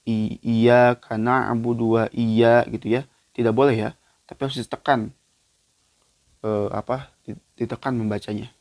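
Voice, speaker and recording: A man teaches Quran recitation in a casual spoken lesson, explaining loosely with lots of fillers before chanting the verses slowly and more loudly. His mid-range voice has little pitch movement, and there is no echo.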